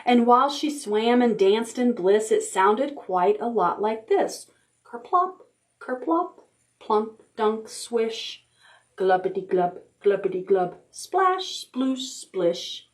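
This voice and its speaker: Reading a picture book aloud to preschoolers, this children's librarian uses a slightly high voice. Her delivery is expressive and rhythmic, with words stretched out.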